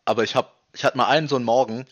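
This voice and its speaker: A man's voice: medium pitch, very fast, no room sound. Young man, podcast co-host, chatty storyteller, dry close sound. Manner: animated storyteller, acts out quoted voices. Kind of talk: casual chat.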